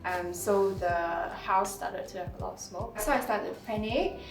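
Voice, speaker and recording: Young woman telling her story, hesitant, lots of ums, roomy room, mic far off, music behind. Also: medium pitch. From Singapore. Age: 20s. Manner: soft-spoken, halting, many fillers and pauses. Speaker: interview guest. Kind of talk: personal story in a sit-down interview.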